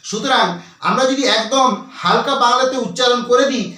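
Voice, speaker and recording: A man with a very high voice teaches a grammar lesson, going step by step and repeating each point. He asks questions and answers them himself. He sounds distant from the mic, in a strongly echoing room. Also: fairly even intonation, a little fast, pushed and bright. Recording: very echoey room, voice far from the mic.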